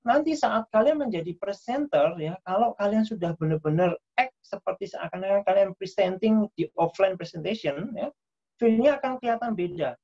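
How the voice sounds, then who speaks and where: A man's voice: high-pitched, animated, moderate pace, creaky, a little mellow. A man giving a casual online workshop lecture, full of fillers and tag questions. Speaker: workshop presenter. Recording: dull lo-fi online call audio.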